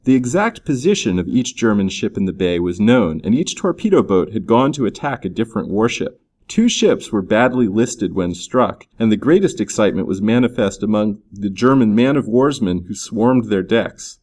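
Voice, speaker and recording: A man narrating an adventure story in an expressive, storytelling manner. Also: fairly low pitch, normal speed. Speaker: audiobook narrator. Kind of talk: scripted narration.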